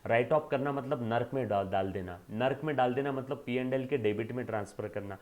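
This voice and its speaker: A man's voice: medium pitch, a little fast, a little mellow. A male accountancy lecturer giving an emphatic classroom lecture, checking in with rhetorical questions and fondly addressing students as children.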